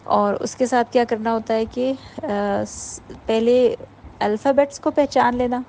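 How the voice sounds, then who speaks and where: A woman giving an informal workshop talk to mothers, explaining patiently and sounding out letters slowly. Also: fairly high pitch, fairly even intonation, a little mellow, a little hiss or hum, low-quality recording. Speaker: parenting workshop teacher.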